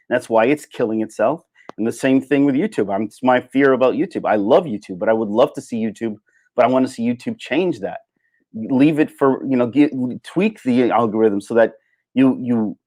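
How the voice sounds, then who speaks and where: Dark-toned and mid-range, a man's voice carries a loose, conversational livestream rant in which he reads chat and replies. He meanders and keeps restating phrases to stress them. The audio is dry, with no room sound.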